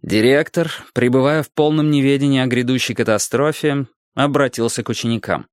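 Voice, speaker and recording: A man narrates a story in a steady, even way. His voice sits in a middle range. The recording is dry and close, with no room sound. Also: medium pitch, a little fast, smooth, no echo. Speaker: audiobook narrator. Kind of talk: scripted narration.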